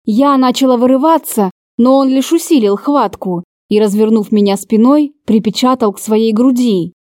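A woman narrating a novel in the first person with even, measured storytelling. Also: a little high, no echo, studio quality. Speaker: audiobook narrator.

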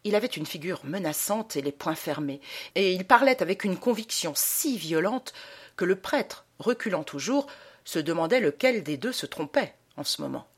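Lady reading a story aloud, measured and a bit low. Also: expressive, breathy edge. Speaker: narrator.

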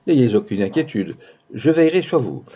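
A man's voice: medium pitch, sing-song, moderate pace, dark tone. A man voicing a bold, commanding young blond countess in an audiobook, urgent and imperious in manner. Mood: haughty. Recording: dull lo-fi recording.

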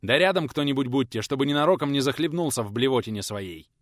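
A man voicing a stern, gruff elderly male teacher who scolds and gives orders but is kind at heart. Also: mid-range voice, big pitch swings, normal speed, dry recording, clean studio sound, lightly acted. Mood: commanding. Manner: gruff, commanding.

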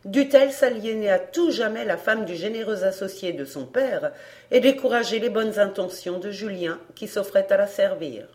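A woman reading a classic detective novel aloud for an audiobook, measured and even. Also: medium pitch. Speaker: audiobook reader.

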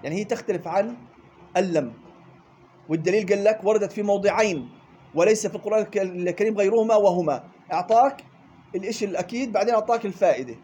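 A man's voice: high voice, very fast, dark tone, slightly rough. A man teaching a classroom lesson on Quran recitation rules, explaining step by step, repeating key points and checking with his students. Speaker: tajweed teacher.

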